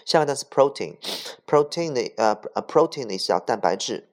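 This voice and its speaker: A man teaching English vocabulary, explaining each word with examples and repeating words slowly, often clearing his throat. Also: mid-range voice, lively intonation. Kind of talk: vocabulary lesson.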